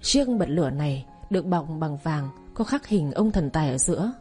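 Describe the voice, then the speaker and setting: A woman narrating a first-person story in a soft, slow, wistful way. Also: sits low, lively intonation. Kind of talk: scripted narration. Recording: faint music behind.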